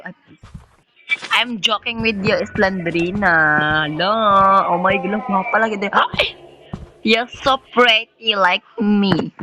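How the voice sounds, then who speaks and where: A man giving campy, sassy commentary on a horror game, breaking into sudden shrieks. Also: high-pitched. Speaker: gaming streamer.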